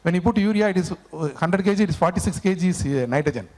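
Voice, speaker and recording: A man's voice: high-pitched, racing, warm tone. A man with a South Indian accent, a university researcher answering questions at a conference.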